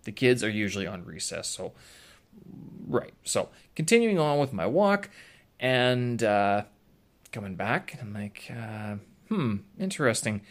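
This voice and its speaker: A man's voice: fairly low pitch, lively intonation, measured pace. A man vlogging, casually recounting an everyday story in a rambling, self-interrupting way with chuckling asides.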